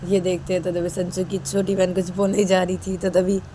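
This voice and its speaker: A woman's voice: on the low side, level tone, a little fast, dark tone, a little hiss or hum. A young woman narrating a love story in a plain, repetitive, casual way as a channel host. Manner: plain, repetitive, linking with "then".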